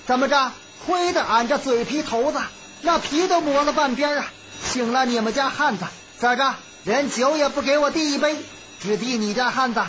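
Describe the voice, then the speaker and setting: A woman storyteller voicing a pert young courtesan with a sharp, bantering tongue. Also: high-pitched, normal speed, noisy background, pitched above the performer's own voice, lightly acted. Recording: dull lo-fi recording with music.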